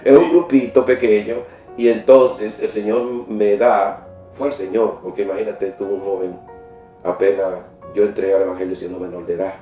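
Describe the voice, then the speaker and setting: A middle-aged man telling a faith testimony in a church interview, animated and often laughing, repeating words when he gets excited. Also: fairly low pitch, normal speed, reverberant, far from the mic, muffled recording, soft background music. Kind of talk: emotional personal testimony.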